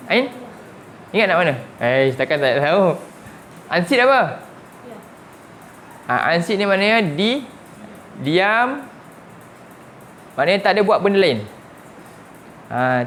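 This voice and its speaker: A man's voice: sits high, fairly bright tone, a little hiss or hum. A man with a Malaysian Malay accent teaching a Quran lesson, firing repeated questions at his students and slipping in English words. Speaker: religious teacher. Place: mosque classroom.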